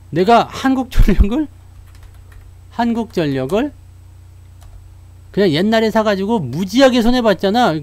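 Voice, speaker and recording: Male stock commentator, animated and chatty, higher voice, dry close sound. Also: dry recording. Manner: chatty storyteller who laughs often. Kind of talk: casual talk to viewers.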